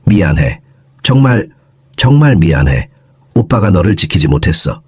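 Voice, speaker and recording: Tender, husky elder brother in an audio story, voiced by a man reading; low and soft. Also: sing-song, moderate pace, dry recording, studio quality, exaggerated voice. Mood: tearful. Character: grieving young man, gentle elder brother.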